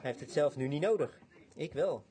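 A man's voice: fairly high pitch, expressive, normal speed, crowd noise. An older man preaching at a church baby dedication, folksy and rambling with many hesitations.

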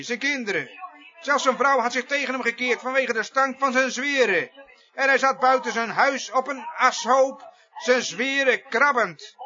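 A man preaching a sermon with a fervent cadence, slow emphatic phrases that rise to shouts. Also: very high voice. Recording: lo-fi dull sound.

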